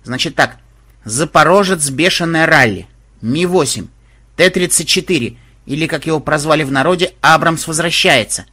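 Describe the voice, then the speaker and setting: A cheerful, clever young woman, voiced by a man, who speaks in a brisk, eager way. The voice is raised slightly from the narration and stays husky. This is storybook reading. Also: fairly high pitch, sharp tone.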